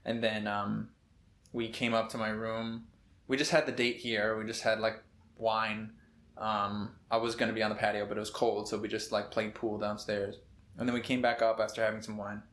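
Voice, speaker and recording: A man's voice: lowish voice, flat delivery, moderate pace, fairly bright tone. A man in his twenties, a medical student from Minnesota, telling a long story in a casual, rambling way with lots of fillers. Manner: laid-back, rambling with many fillers and laughs. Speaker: medical student, podcast co-host. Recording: echoey room.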